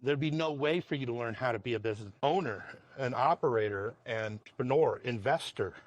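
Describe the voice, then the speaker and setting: A man's voice: mid-range voice, a little fast, dry recording, dull audio. A man who owns a roofing company, answering interview questions in a casual, rambling way, often repeating words and chuckling. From Washington state, USA.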